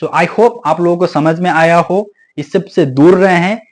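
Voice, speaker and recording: Indignant high-voiced man warning viewers. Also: measured pace. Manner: indignant, repeats himself, code-switches into English. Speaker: video creator warning viewers. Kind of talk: casual direct-to-camera monologue.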